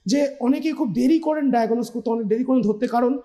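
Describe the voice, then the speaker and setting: Doctor guy explaining stuff step by step on tv, talks fast, soft mellow voice. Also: very high voice. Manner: patient, explanatory, numbers points, mixes in English terms. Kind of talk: TV health interview explanation.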